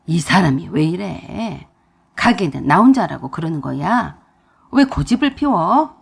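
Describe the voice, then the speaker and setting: Woman voicing a gruff, stern older man. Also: on the low side, very animated, unhurried, pitched below the performer's own voice, exaggerated voice. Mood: exasperated. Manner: gruff scolding. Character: stern older man, domineering father-in-law.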